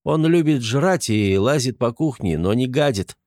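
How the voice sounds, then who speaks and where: A man's voice: medium pitch, expressive, unhurried, a little mellow, dry recording. A man voicing a sardonic, stern young male hero who gives dry commands.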